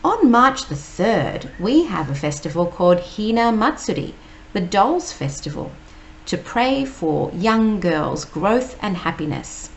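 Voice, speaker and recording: Slow, lively woman reading a storybook. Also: medium pitch, a little hiss or hum, rough recording. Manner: slow, gentle, explaining each word. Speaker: teacher reading a picture book aloud. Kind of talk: read-aloud storytime.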